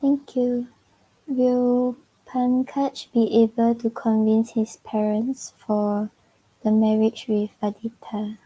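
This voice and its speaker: Giving easygoing tarot readings on a livestream, a woman from Singapore speaks Singaporean-accented English in a high-ish, husky, mellow voice, slow and flat in delivery. The recording is rough. She's chatty, giggling frequently and saying "like" a lot.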